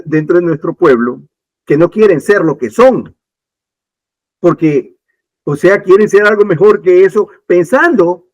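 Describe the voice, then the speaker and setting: A man's voice: a little high, no room sound, poor audio. A man from Ecuador, emphatically giving his political opinions in a talk-show discussion, often restarting and repeating his points. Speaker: political commentator.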